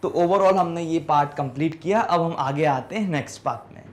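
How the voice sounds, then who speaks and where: Male teacher, slightly high voice. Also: brisk. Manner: explains step by step, many "ठीक है" checks. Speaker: English teacher. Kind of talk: classroom lesson in Hindi with English words.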